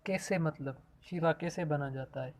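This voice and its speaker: A woman's voice: low-pitched, a little slow. A woman questioning a little girl in a persistent, teasing way in a casual family video. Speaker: parent questioning a child.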